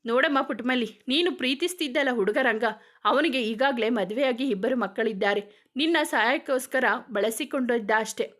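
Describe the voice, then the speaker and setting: A woman's voice: on the high side, moderate pace, fairly bright tone, close to an everyday voice. A woman voicing a tough male police officer who interrogates suspects in a commanding, threatening way. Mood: stern.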